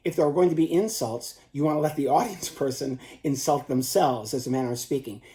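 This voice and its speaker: A man with a dark, relaxed voice gives an informal lesson as a performing instructor. He speaks at a middling pitch and underlines points by repeating words. The room around him adds a noticeable echo. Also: fairly quick. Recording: roomy, echoing sound.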